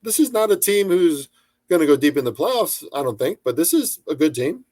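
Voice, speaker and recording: A man's voice: on the high side, sing-song, normal speed, darkish tone, dry recording, studio quality. A young man giving loose, profane sports betting commentary, full of fillers, restarts and chatty asides.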